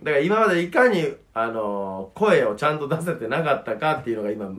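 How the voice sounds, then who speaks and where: Fast-talking comedian guy, bossy and teasing, voice jumps all over. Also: mid-range voice, very animated, fairly bright tone. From Okayama region. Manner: teasing, bossy, mock-offended, dialect speech. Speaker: senior comedian coaching a junior. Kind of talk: comedic banter on a radio-style show.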